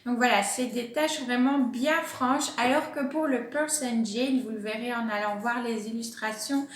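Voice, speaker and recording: A woman's voice: fairly high pitch, normal speed, echoey room, slight background noise. A woman hosting a plant vlog from home, explaining in a casual, chatty way with many hesitations and fillers. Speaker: plant channel host.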